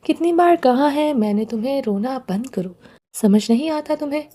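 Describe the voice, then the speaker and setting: A woman's voice: high voice, lively intonation, warm tone. A woman reading the part of a menacing, short-tempered young man in a storybook, in a cold, commanding way.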